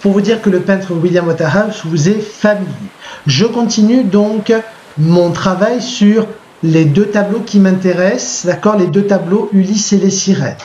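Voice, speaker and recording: French-accented male teacher, high-ish voice, patient dictating tone, slightly dull recording. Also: darkish tone, a little hiss or hum. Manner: dictates slowly, repeats himself, checks with "d'accord?". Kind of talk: recorded lesson with slides. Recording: muffled lo-fi recording.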